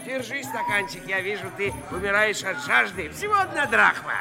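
A man's voice: sits high, big pitch swings, normal speed, vocal fry, full character voice. An actor playing a pushy, wheedling male water seller at a market. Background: music.

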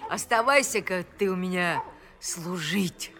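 A woman's voice: lowish voice, a little slow, background noise, natural voice. An actress voicing a fussy, cooing old woman who dotes on her cats, in a radio play. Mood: matronly. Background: music.

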